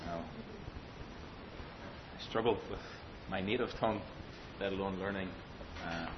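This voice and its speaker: The man speaking is a preacher working through an expository sermon; he repeats himself for effect, asks rhetorical questions, and sounds emphatic and deliberate. A faint rumble lies under the dull, low-fidelity recording.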